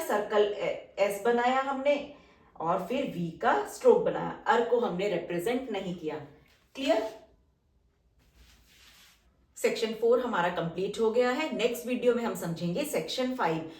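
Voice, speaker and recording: A woman teaching shorthand step by step, drawing out each model word slowly. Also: a little high, lively intonation, a little mellow, far from the mic. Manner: slow, drawn-out model words between quick explanations. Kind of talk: step-by-step lesson. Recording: echoey room, voice from off-mic.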